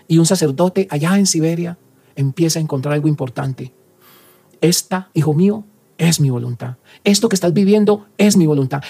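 A middle-aged man preaching on a religious radio show, his voice dark and mellow. He leads guided prayer in a fervent, pleading way, slowing down and repeating his phrases. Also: on the high side, slightly rough. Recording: radio studio broadcast.

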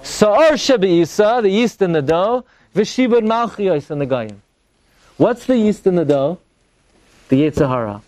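A male rabbi delivers a Torah lecture in a noticeably high voice, his carrying an inflection. He teaches emphatically, setting up questions and answering them himself, and the sound is dry and close. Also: lively intonation, measured pace, darkish tone, no room sound. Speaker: rabbi giving a religious class.

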